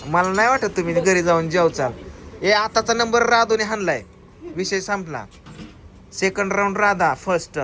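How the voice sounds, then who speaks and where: Outdoors, a man runs a family food challenge with casual, excited commentary, urging the eaters to hurry, teasing them, and counting out the scores. His voice sits high and bright with a forceful tone at normal speed, over slight background noise.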